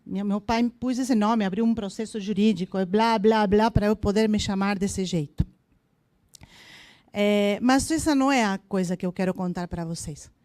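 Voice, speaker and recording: A woman's voice: medium pitch, moderate pace, darkish tone, dry recording. A woman in her fifties from Argentina, with an Argentine accent, giving a chatty, joking talk at a corporate event with hesitant fillers. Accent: Argentine Spanish. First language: Spanish. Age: 50s. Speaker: invited speaker.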